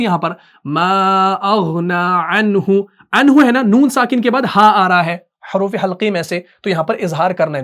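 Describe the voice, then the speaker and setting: Patient man teaching Quran recitation. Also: high voice. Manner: explains patiently, checks in with "theek", chants verses slowly. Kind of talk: tajweed lesson.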